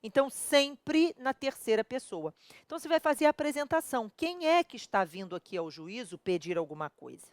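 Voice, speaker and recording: Fairly quick and high-pitched, with lively intonation, a Brazilian-accented woman leads a video lesson for law exam prep. She talks to her students in a familiar, colloquial way, firing off rhetorical questions, with no echo on the recording.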